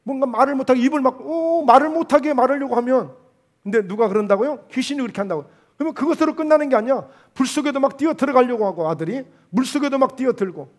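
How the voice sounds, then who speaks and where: A middle-aged man preaching a sermon as pastor, asking rhetorical questions and swinging between loud outbursts and hushed asides. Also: high voice.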